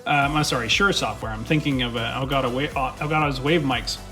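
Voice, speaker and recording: A man's voice: mid-range voice, brisk, bright, forceful tone, soft background music. A young man and streamer giving a casual, enthusiastic tour of his home desk setup, swearing now and then as he rambles through his gear, recorded on a studio mic. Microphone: studio USB/XLR dynamic mic.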